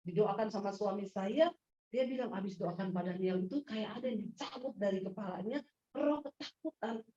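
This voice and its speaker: A woman pastor telling a story in a sermon, animated, acting out the voices of the people she quotes. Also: medium pitch, normal speed. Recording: echoey hall, dull lo-fi sound.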